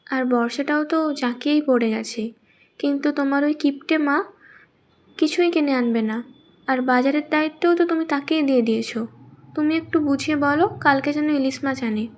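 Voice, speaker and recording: A woman's voice: high voice, normal speed, lightly acted. A woman voicing an exasperated young mother who complains to her husband in a cartoon story. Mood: complaining. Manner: complaining, pleading.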